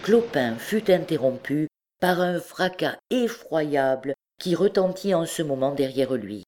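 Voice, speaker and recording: A woman's voice: low voice, expressive, measured pace, darkish tone, slight background noise. Woman reading a classic novel aloud. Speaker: audiobook reader. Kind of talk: scripted narration of a classic novel.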